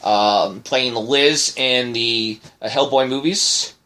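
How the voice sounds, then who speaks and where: A man's voice: medium pitch, slow pace, sharp tone. A married man co-hosting a casual podcast, rambling through news with lots of fillers and restarts. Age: adult, married. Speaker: podcast co-host.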